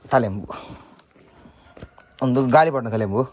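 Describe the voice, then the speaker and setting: A man's voice: medium pitch, lively intonation, unhurried. A man casually talking through his riding and camping gear for a vlog, showing items one by one. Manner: chatty, shows items one by one. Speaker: moto vlogger. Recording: faint background noise.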